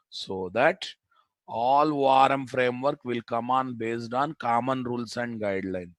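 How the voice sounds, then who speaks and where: Male programming instructor, Telugu Indian accent, dry sound, mid-pitched, informal, repetitive lecturing with self-answered questions. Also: a bit bright, no room sound. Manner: repeats phrases for emphasis, asks and answers own questions; informal, addresses students as boss. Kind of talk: live technical lecture.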